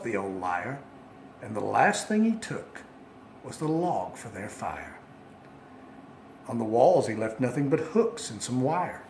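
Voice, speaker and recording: A man's voice: medium pitch, a little mellow, echoey room, a little hiss or hum. A man reciting a rhyming children's story from memory in a theatrical, sing-song way, on an amateur phone recording.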